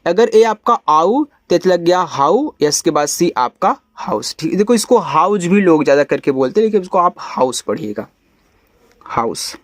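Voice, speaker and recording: A man teaching an English reading lesson, who spells out each letter slowly and then says the whole word lower and softer, checking in with his students. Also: animated, no room sound, studio quality. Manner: coaxing, checks in with "ठीक है?". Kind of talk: step-by-step phonics lesson.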